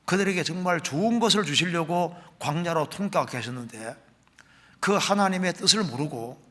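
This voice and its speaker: A middle-aged male pastor delivering a sermon in a bright, forceful voice. His pitch sits a little high for a man. He reads scripture aloud slowly, pressing harder on key phrases. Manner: preaching, reading scripture aloud slowly with rising emphasis.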